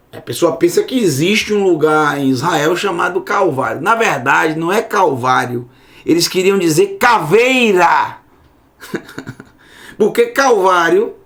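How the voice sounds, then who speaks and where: A man's voice: high-pitched, fairly bright tone. A man giving a casual online Hebrew lesson, repeating words to drill their sound. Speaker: Hebrew teacher.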